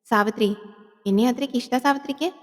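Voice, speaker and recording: A woman's voice: on the high side, a little fast, big-room sound, lightly acted. A woman voicing a timid, simple-hearted male village servant in a horror audio drama, who speaks fearfully and hesitantly.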